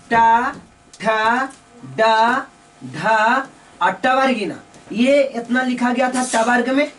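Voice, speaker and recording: A woman teaching a lesson. She asks each question, then answers it herself in slow, repeating drills. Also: a little high, a bit bright, distant mic. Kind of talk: classroom lesson with call-and-response drills.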